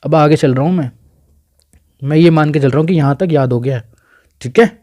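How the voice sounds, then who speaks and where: A man's voice: a little high, a little fast, mellow. Man drilling geography names aloud. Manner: drilling, repeats names, coaxes students to say them aloud. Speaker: exam coaching teacher. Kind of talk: whiteboard lesson. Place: indoors at a whiteboard.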